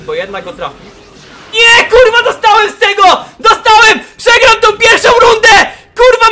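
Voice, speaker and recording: A young man giving sarcastic, swearing gameplay commentary, often breaking into frustrated shouts. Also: on the high side. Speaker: gaming youtuber.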